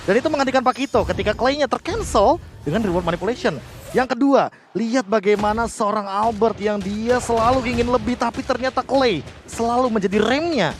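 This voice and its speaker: Man, Indonesian accent, high voice, rapid analytical esports commentary, explanatory, clear background noise.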